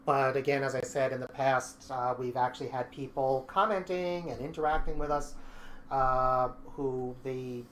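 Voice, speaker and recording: A man's voice: medium pitch, fairly even intonation, normal speed, a bit bright. A man streaming a life-sim game, narrating his own moves and talking to the viewers. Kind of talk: casual gameplay commentary. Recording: computer fan noise in the mic.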